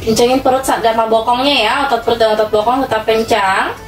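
A woman's voice: on the high side, fairly even intonation, fast. An Indonesian woman instructing an exercise class, cueing breaths and counting workout reps in short phrases. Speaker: fitness instructor for older adults. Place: small tiled indoor room at home. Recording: echoey room, distant mic, music behind.

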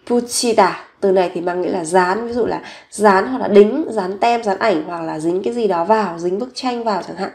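A woman teaching Korean vocabulary in a recorded lesson, slowly repeating each word several times. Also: mid-range voice, darkish tone.

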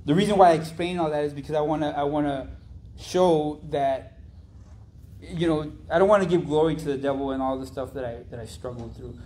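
A young adult man preaching, telling his own story in a halting way with many restarts and a frequent "right?". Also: a little high, a little mellow. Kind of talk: testimony sermon.

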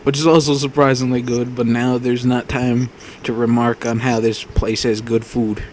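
A man narrates a visual novel between crude jokes, laughing easily at his own lines. His voice sits at a middle pitch, and a faint hiss of background noise runs under it. He talks into a wireless mic. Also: little pitch movement, moderate pace. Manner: crude, joking, laughs often. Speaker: let's play host reading game text aloud. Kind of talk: casual gaming banter.

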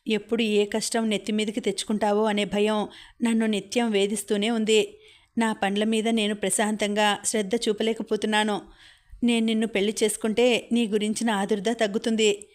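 A woman voicing an earnest young man who proposes in a soft, steady, pleading voice. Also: mid-range voice, fairly quick, natural voice. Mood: tender pleading.

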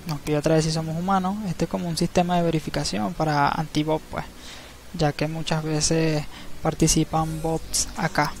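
A man narrating a screen-recorded tutorial, explaining each step in a relaxed, easygoing way and often checking in with the viewer. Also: on the high side, moderate pace. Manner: relaxed, step-by-step, frequent tag questions. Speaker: crypto channel host. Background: faint background music.

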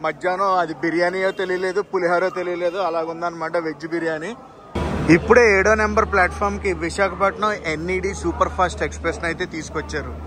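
A man's voice: high-pitched, steady tone, fast talker, over music. A man narrating a casual train travel vlog, talking straight to his viewers and pointing out sights as he goes, recorded on a handheld phone. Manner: chatty, addresses viewers directly, points things out. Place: on a train and station platforms, outdoors. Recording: train and station noise behind.

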